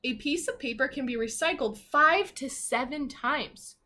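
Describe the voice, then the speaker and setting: A woman teacher with a high-pitched, sharp-toned voice reads a children's book aloud to her pupils at a measured pace. She reads with expression, chats in asides, and puts questions directly to the children.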